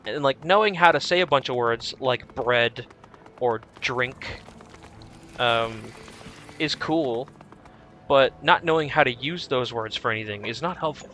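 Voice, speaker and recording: A man's voice: mid-range voice, measured pace, pushed and bright. A young man streaming a video game, chatting in a rambling, easygoing way with lots of restarts. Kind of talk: casual chat while streaming a game.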